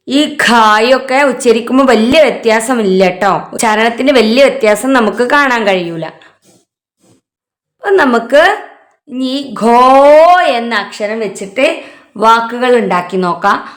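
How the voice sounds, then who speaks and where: A woman with a Malayali accent teaching a children's alphabet lesson, asking questions and answering them herself with drawn-out syllables. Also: a little high.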